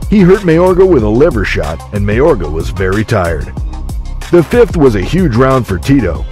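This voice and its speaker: A man's voice: medium pitch, sing-song, moderate pace, darkish tone. A man reading a scripted sports recap as a narrator. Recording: faint music behind a voice-over. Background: faint music.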